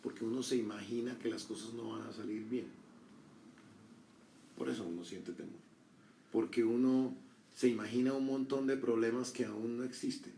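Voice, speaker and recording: A man's voice: medium pitch, fairly even intonation, normal speed, vocal fry, pauses often, dark tone, slight background noise. A middle-aged man preaching a sermon in a casual, conversational way, full of rhetorical questions and little acted-out quotes. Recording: echoey room, voice from a distance.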